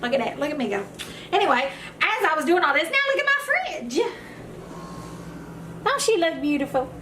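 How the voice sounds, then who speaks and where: High-voiced woman telling a playful story. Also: very animated, a little fast, sharp tone, slight background noise. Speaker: vlogger. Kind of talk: casual chat. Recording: echoey room.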